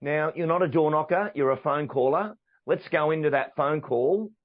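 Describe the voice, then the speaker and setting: This sales trainer hosts his own sales podcast, interviewing a guest in a slightly high voice at normal speed. His delivery is polished and enthusiastic, like a presenter. Faint music sits under dull, lo-fi audio.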